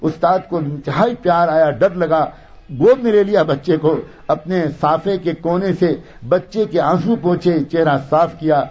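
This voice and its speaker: A man's voice: fairly high pitch, a little mellow. A man telling a moral tale in an emotive, dramatic storytelling manner. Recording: dull lo-fi recording.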